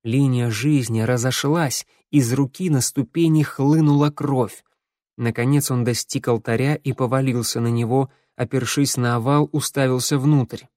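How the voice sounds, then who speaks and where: A man reading an audiobook in slow, measured narration with dramatic pauses, recorded close in a studio. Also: medium pitch, steady tone, darkish tone, dry recording.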